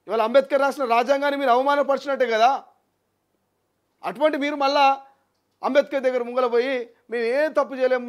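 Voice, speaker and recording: A man with a strong lilt delivers political commentary in a notably high, piercing voice. He speaks with indignation and stacks up rhetorical questions, hammering each point home. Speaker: news commentator.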